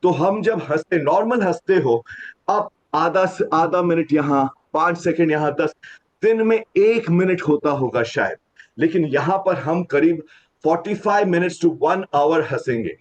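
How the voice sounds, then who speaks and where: A man leading a laughter yoga class, counting aloud and explaining the exercises, switching into slow, deliberate English phrases. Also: fairly high pitch, expressive. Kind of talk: guided group exercise with explanations. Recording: dull lo-fi sound.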